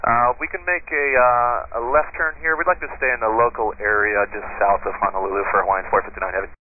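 A man's voice: medium pitch, fairly even intonation, fast talker. A man, an airline pilot, making terse radio calls to air traffic control over his cockpit headset, with hesitant fillers between standard phrases. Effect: pilot's headset radio transmission. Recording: tinny radio link with faint hiss.

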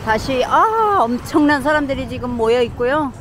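A middle-aged woman, a travel vlogger, narrating what she sees outdoors on a beach and a sailboat, excited and chatty, recorded on a handheld camera. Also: high-pitched, normal speed, a little hiss or hum. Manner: excited, describing sights as she films.

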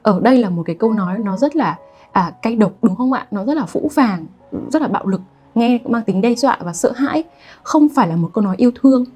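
A young adult woman giving an online literature lesson, lively and always asking her students rhetorical questions. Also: on the high side, quick pace, slightly rough, soft background music. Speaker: literature teacher.

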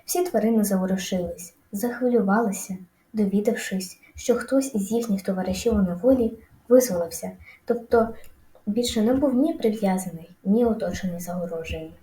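A woman reading a children's story aloud in a lively, expressive way. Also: mid-range voice, normal speed, echoey room, low-quality recording. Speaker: audiobook reader. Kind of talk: storybook narration.

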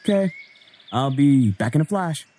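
A man's voice: on the high side, expressive, measured pace, background noise. A man in his twenties voicing a joking, playful young husband in an indie game, teasing and wisecracking. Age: 20s.

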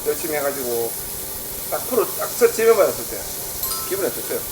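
A man's voice: on the high side, big pitch swings, fast, noisy background. A man asking questions in a casual chat over a meal. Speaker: interviewer. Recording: echoey room, loud food sizzle.

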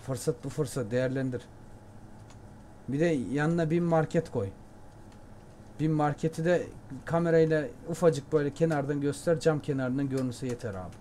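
Excitable Turkish gamer man, playful. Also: fairly high pitch, moderate pace, a little hiss or hum. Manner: chatty, excitable, jokey, shouts at the game. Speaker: gameplay commentator. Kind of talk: casual let's-play commentary.

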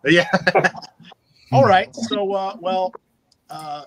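A man's voice: high voice, drawn-out words, a bit bright, low-quality recording. A man hosting a live stream giveaway in a casual, chatty and upbeat way, talking into a phone. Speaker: livestream giveaway host.

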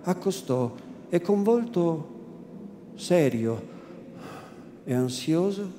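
A man giving a measured, theatrical reading of a classic novel in a large cathedral. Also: a little high, expressive, noisy background. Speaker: reader. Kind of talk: dramatic literary reading. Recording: echoey cathedral, faint ambience.

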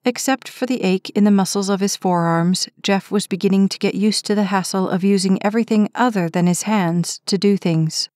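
A woman narrates a romance audiobook in a steady, measured voice. Her pitch sits in the middle. The close mic gives a dry sound. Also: dry recording. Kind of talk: scripted narration.

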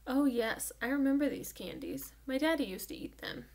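Gentle old lady, slow and drawly, kinda gravelly, a woman reading it out. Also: high voice, very animated, voice pushed up. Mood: wistful.

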